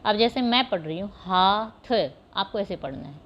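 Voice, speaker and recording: A woman's voice: mid-range voice, lively intonation. A woman talks through a beginner's reading lesson, patiently sounding out each word and stopping to check the class is following. Her voice sits in a middle range, and the recording is a bit dull and lo-fi with faint hiss behind it. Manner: patient, explains step by step and sounds words out slowly. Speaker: primary school teacher. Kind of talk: Hindi phonics lesson over slides.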